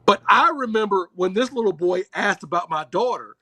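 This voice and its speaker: A middle-aged man on a sports podcast roundtable, telling animated, profane stories in casual banter. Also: high voice, moderate pace, husky, no room sound. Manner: animated storyteller, swears freely. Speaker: roundtable panelist.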